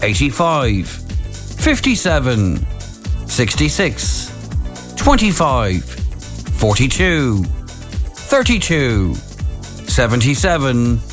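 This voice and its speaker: A man's voice: mid-range voice, very animated, drawn-out words, pauses often. An Irish man working as a radio bingo caller, announcing numbers and game details in traditional bingo patter. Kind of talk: bingo calling over music. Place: radio studio. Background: music bed.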